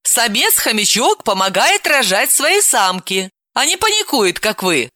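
A man voicing a sharp-tongued, bossy woman who scolds and gives orders. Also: extremely high pitch, very animated, unhurried, no room sound, clean studio sound, voice pushed up, heavily acted. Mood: scolding.

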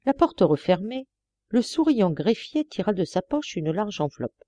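A woman reading a classic novel aloud as an audiobook narrator, measured and expressive. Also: medium pitch, no room sound, lo-fi sound. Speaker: audiobook reader. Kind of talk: scripted narration.

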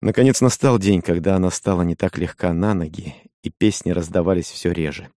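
A man narrating a story with a low, mellow voice. His delivery is measured and expressive. The recording is dry and close. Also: no echo. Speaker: audiobook narrator. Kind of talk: scripted narration.

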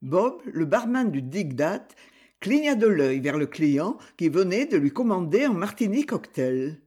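Husky male audiobook narrator, expressive delivery. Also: sits high, a little slow. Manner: expressive storytelling. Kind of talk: scripted narration.

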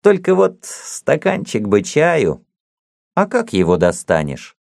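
A man doing a cheerful young gentleman. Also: mid-range voice, wildly swooping pitch, takes it slowly, creaky, no echo, clean studio sound, voice pushed up, exaggerated voice.

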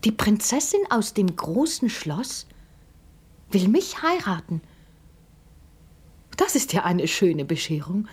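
A woman voicing a shy young prince, soft and half-whispered but stubborn. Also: medium pitch, very animated, takes it slowly, long pauses, breathy edge, exaggerated voice. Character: shy young prince who loves the forest.

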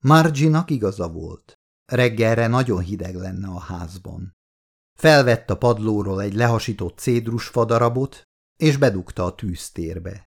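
A man narrates a novel in a measured, storytelling read. His voice sits low with a gravelly fry. It is a steady audiobook reading.

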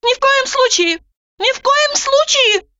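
Woman doing a bossy shouting woman doctor. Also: very high-pitched, lively intonation, moderate pace, no room sound, highs cut off, pitched above the performer's own voice, full character voice. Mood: alarmed. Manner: shouting orders, emphatic.

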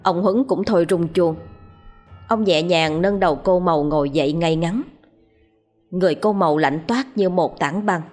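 Nữ kể chuyện ma, giọng trầm vừa, đọc đều đặn. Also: female voice, on the low side, moderate pace, a little mellow, faint music behind. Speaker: storyteller. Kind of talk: ghost story narration.

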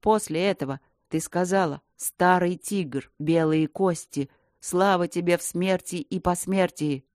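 A woman's voice: lowish voice, normal speed, hardly any pauses, no echo, close to an everyday voice. A woman voicing an irritated young male temple novice who answers tersely and dryly. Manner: terse, dry and grumbling.

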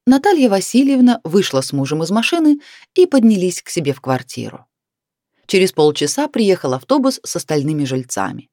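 Low-voiced, expressive woman narrator. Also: no echo, studio quality. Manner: expressive storytelling. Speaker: audiobook narrator. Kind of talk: scripted narration.

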